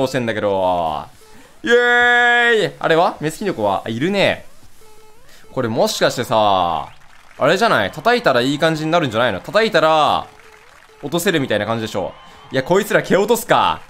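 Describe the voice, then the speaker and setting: A young man giving casual, excitable let's-play commentary, blurting quick reactions and rough, playful jabs. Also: fairly high pitch. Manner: rough casual talk, playful mock scolding. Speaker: gaming video host.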